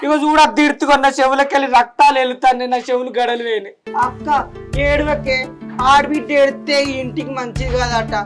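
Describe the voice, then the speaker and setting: Woman as a contrite young Telangana village man in a comedy short film, high voice, begging forgiveness, music behind. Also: steady tone, fairly quick, lightly acted. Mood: pleading. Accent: Telangana Telugu. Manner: pleading, repetitive apologies. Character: young village man, sheepish brother begging his sister's pardon.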